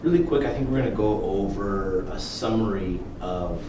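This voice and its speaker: A man's voice: lowish voice, moderate pace. A man co-hosting a podcast in casual, informal talk with some swearing and joking. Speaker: podcast co-host. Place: library room. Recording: roomy, distant mic with clear noise.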